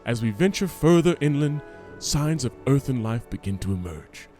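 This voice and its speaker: A man performing as a formal, measured nature documentary narrator. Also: medium pitch, big pitch swings, close to an everyday voice. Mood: stately, serene. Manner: measured, formal, descriptive delivery. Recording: loud music bed under voice. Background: music.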